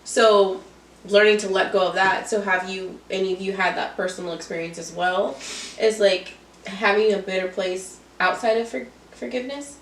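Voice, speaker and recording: A woman's voice: mid-range voice, steady tone, moderate pace, slight background noise. A woman hosting a casual group discussion about faith, speaking reflectively and personally and putting questions to the others. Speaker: host of a group chat. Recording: roomy echo, distant mic.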